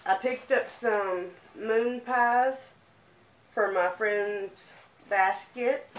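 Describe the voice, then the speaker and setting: A young woman with a lisp and a speech impediment, chatting casually as she shows off items from a shopping haul. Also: mid-range voice. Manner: chatty, easygoing, unhurried show-and-tell. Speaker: vlogger. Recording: echoey room.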